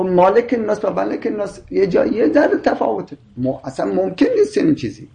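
A man's voice: on the high side, gravelly, darkish tone. A man in a scholarly debate, insistently explaining his point with repeated examples. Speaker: scholar explaining linguistics and Quran readings.

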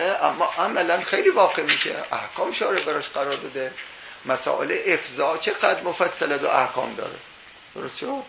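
A man's voice: a little high, creaky, echoey room, noisy background. A man teaching Islamic jurisprudence in a seminary lecture. He explains step by step, quoting Arabic texts and posing rhetorical questions.

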